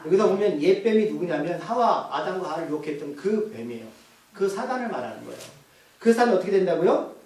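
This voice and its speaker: High-voiced pastor, echoey from afar. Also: male voice, expressive, quick pace, a little mellow. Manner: asks the congregation questions and answers them. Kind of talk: sermon. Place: church. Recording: echoey church hall from far off.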